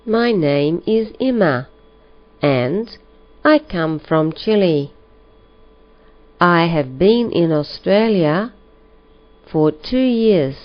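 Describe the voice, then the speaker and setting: Female reader for a learners' listening test; very slow, careful delivery on a muffled lo-fi recording. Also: on the low side, animated. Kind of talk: slow scripted reading for learners. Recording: dull lo-fi recording.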